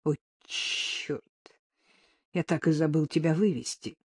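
A woman's voice: low-pitched, takes it slowly, a little mellow, slightly rough, dry recording, clean studio sound, exaggerated voice. A woman reading the part of a weary young man who mumbles sheepish excuses, in an audiobook. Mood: groggy. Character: weary, fibbing young man, dog's owner.

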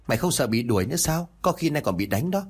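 A man's voice: medium pitch, big pitch swings, quick pace, breathy edge, pitched above the performer's own voice. A man voicing a brash, teasing young village lad in a spoken ghost story. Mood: cocky.

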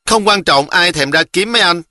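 A man voicing a touchy, excitable little village girl, shrill and pleading. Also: moderate pace, dry recording, studio quality. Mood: excited, sulky.

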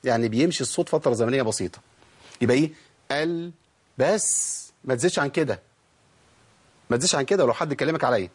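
A man's voice: medium pitch, animated, rapid-fire, long pauses, husky. A man with an Egyptian accent teaching a tajweed lesson, asking his listeners questions and demonstrating each sound. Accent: Egyptian Arabic. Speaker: Quran recitation teacher.

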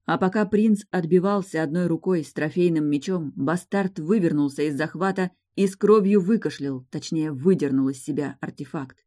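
A woman's voice: deep voice, moderate pace, few pauses, warm tone. A woman narrating a first-person fantasy novel with vivid, emotional storytelling. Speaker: audiobook narrator.

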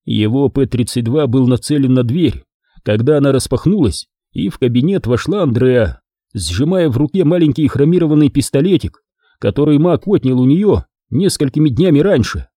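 A man narrating an audiobook thriller with expressive storytelling. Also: medium pitch, breathy edge, no room sound, clean studio sound.

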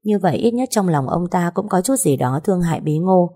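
A woman narrating a first-person story in a measured, sorrowful way. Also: fairly low pitch, lively intonation, warm tone, slightly rough. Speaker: audiobook narrator.

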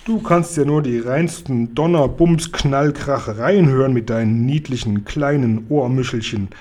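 A man voicing a big friendly old giant who brags about his hearing and plays with made-up words, in a husky, mellow voice. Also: medium pitch, normal speed, close to an everyday voice. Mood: proud. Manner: whimsical, playing with made-up words.

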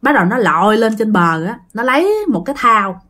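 Lively woman telling a ghost story. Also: fairly high pitch, fairly quick. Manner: chatty, addresses listeners directly. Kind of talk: casual spoken ghost story.

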